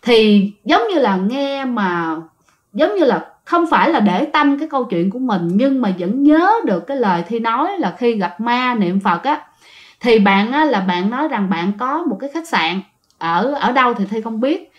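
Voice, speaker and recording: A woman casually tells a true ghost story, chatting straight to her listeners. Her voice is on the high side with lively intonation and a moderate pace, captured in dull lo-fi sound.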